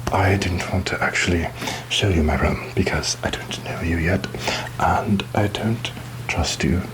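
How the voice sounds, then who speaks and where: A man playing a roguish, rum-obsessed pirate captain in a breathy, halting whisper for an ASMR roleplay, with wary, theatrical, mock-grand phrasing. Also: low voice, poor audio. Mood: sly, instructive.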